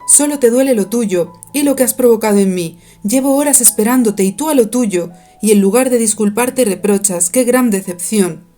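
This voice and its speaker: A woman's voice: a little high, normal speed, few pauses, mellow, soft background music, natural voice. A woman reading an audiobook, voicing a heartbroken young woman who pleads and reproaches through tears. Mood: tearful reproach.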